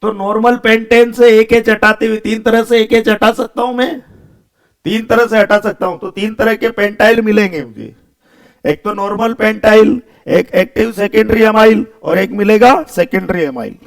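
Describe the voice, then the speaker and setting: A man's voice: high-pitched, moderate pace, creaky. A man teaching a chemistry lecture, explaining step by step and asking his students questions that he then answers himself. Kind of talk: classroom lecture.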